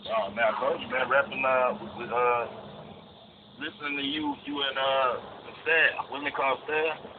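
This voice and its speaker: A man's voice: medium pitch, fairly even intonation, normal speed. A man from Chicago being interviewed about his rap career, talking in a laid-back, profane way with lots of fillers. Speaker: interview guest, rapper. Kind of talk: casual interview chat. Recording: tinny phone line with background noise.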